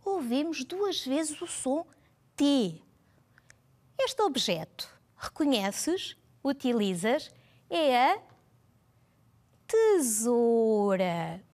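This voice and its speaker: A woman teacher with a European Portuguese accent, talking high and bright with big swoops up and down. She speaks slowly and deliberately, stretching out syllables for small children in a lively, sing-song way. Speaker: primary school teacher. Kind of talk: televised lesson for young children.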